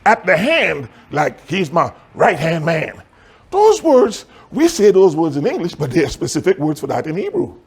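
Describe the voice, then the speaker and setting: Animated preacher, lively pitch. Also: male voice, vocal fry, husky. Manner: reads scripture slowly with dramatic emphasis; lively, emphatic preaching with rhetorical questions. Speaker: pastor. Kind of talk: sermon. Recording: sermon recorded in a church.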